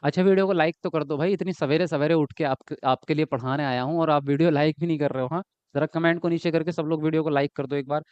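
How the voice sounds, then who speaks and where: A man teaching an exam-prep class online, lively and repetitive, often checking whether his students follow. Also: a little high, fast, smooth, no room sound, muffled recording. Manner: lively, repeats words and asks students if they follow.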